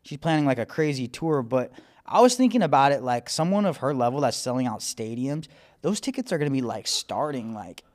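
Casual man with a mid-pitched voice. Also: animated, a little fast, darkish tone. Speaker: podcast co-host. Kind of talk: casual chat.

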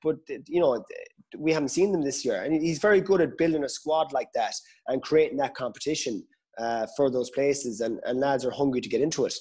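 A man's voice: mid-range voice, fairly quick, mellow, breathy edge. A man chatting about sport as a podcast guest, hesitant and often repeating words as he thinks aloud. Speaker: podcast guest, Gaelic football pundit. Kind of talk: casual sports discussion.

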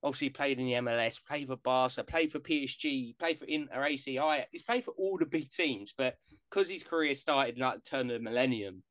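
A man's voice: mid-range voice, fairly quick, a bit bright, no echo. A man hosting a casual podcast chat, jokey and rambling. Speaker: podcast host.

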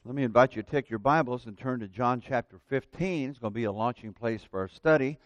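A man preaching a sermon at a pulpit microphone, addressing his congregation in a deliberate, emphatic way. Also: medium pitch, no echo, dull audio. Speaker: preacher at a church. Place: church service, at a pulpit.

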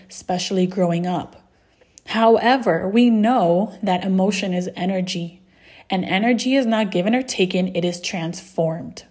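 A woman's voice: medium pitch, darkish tone. Chatty woman hosting a podcast. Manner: conversational, often asks "right?". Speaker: podcast host. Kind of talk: solo podcast talk.

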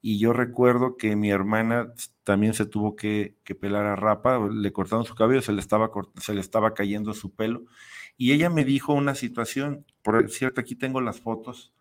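A man's voice: lowish voice, steady tone, moderate pace. A man hosting a radio talk show, speaking hesitantly and searching for words. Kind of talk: conversational interview.

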